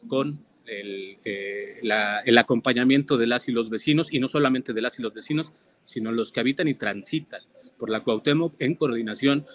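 A man answering interview questions in a measured way, listing points and repeating himself. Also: medium pitch, no room sound. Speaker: interview guest, former local official.

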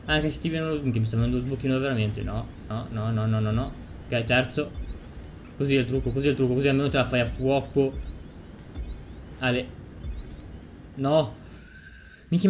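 Excitable man commentating a race. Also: medium pitch, a little hiss or hum. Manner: excitable, repeats phrases, swears. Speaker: gameplay streamer. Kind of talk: excited racing game commentary.

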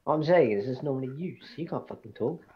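A man's voice: mid-range voice, lively intonation, quick pace, dull audio, a crowd in the background. A man, swearing and teasing friends in casual gaming chat. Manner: crude, teasing, swears a lot.

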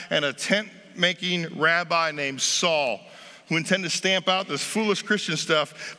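A man's voice: sits high, bright, forceful tone. A man in his forties with an American accent, preaching an Easter sermon from a lectern on a church stage, rising and falling in force for emphasis. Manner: emphatic, swelling and dropping for effect, gesturing. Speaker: pastor. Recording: long reverb of a large sanctuary.

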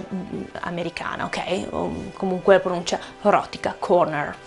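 A native Italian woman teaches English pronunciation, drawing example words out slowly and saying them again. Her voice sits at an ordinary middle pitch. Faint music plays underneath. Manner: lively, stretches and repeats example words slowly. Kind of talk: explanatory lesson.

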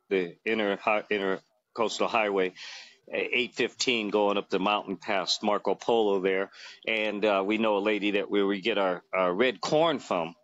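Speaking as an interview guest in relaxed conversation, this fifties-aged man wanders through his thoughts, full of fillers and false starts. His voice sits on the low side with a fairly bright tone, though the audio itself is dull. A phone held near his face in a small room captured it.

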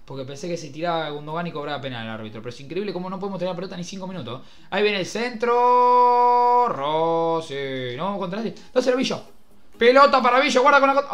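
A young man with an Argentine Spanish accent, doing mock football commentary over a video game, swinging between shouted play-by-play and muttered grumbling. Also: a little high. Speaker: gaming youtuber.

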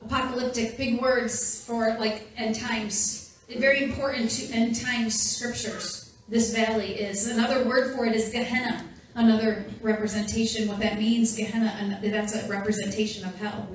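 A woman's voice: on the high side, steady tone, normal speed. Woman, pastor, conversational sermon, talks to the congregation, faint noise, distant and echoey church recording. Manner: conversational and playful, addressing the congregation directly. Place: church sanctuary.

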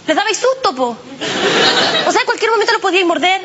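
Chilean woman comic, very high voice, slangy and self-mocking, muffled noisy live recording. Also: sing-song, quick pace, over a noisy crowd. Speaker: stand-up comedian. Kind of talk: stand-up comedy routine.

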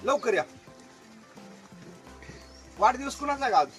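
A man's voice: extremely high pitch, lively intonation, measured pace, faint music behind. A middle-aged man, performing as a magician and keeping up joking stage patter and crowd banter outdoors. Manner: joking showman who keeps calling for loud applause. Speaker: magician performing for a tour group. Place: outdoors at an agro-tourism farm.

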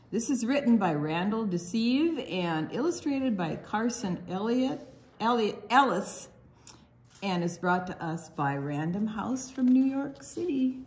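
Slow and expressive in a mid-range voice, this older Iowa woman tells stories and reads picture books to children as a storytime presenter. There is faint noise in the background.

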